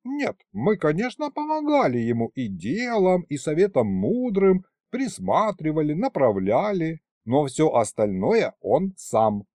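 A man's voice: on the high side, wildly swooping pitch, a little slow, hardly any pauses, warm tone, no echo, studio quality, pitched above the performer's own voice. A man voicing Mikhalych, a crafty, cheerful old grandpa who talks in a coaxing, folksy way. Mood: boastful.

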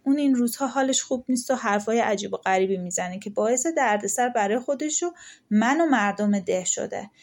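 A woman's voice: a little high, a little mellow, natural voice. A woman voicing a shrewd, cautious peasant husband who talks persuasively in a folktale audiobook. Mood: pleading. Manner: pleading, persuasive.

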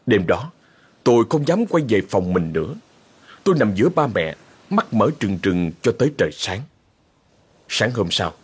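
A man narrating a horror story with dramatic, expressive delivery. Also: on the low side, breathy edge.

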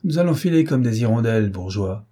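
A man voicing a sly, rough young coach driver who swears loudly and talks like a country man. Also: mid-range voice, lively intonation, fairly quick. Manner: cursing loudly, rustic speech.

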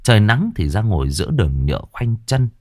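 A man narrating a horror story in a lively, vivid way. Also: fairly quick, dry recording, studio quality. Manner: lively, vivid telling with varied pitch.

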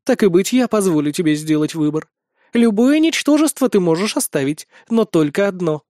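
A haughty, predatory goddess queen, as a male reader puts her on, mocking the mortals before her. The voice sits high and lifted above a plain male register. The booth sound is dry and close. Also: animated, normal speed, darkish tone, dry recording. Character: arrogant predatory female goddess ruler.

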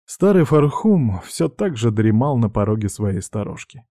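A man narrating an audiobook in a wry, measured storytelling manner. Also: medium pitch, big pitch swings, warm tone, dry recording, studio quality. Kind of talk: audiobook reading.

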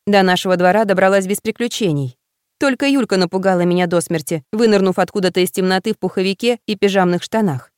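A woman narrating a first-person audiobook in an expressive manner, voicing the heroine's emotional lines. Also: medium pitch, quick pace, clean tone, no room sound, studio quality.

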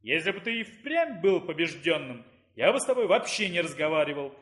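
A man reading the part of an imperturbable rector in an audiobook, speaking calmly and firmly. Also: fairly high pitch, a little fast. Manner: calm, unruffled.

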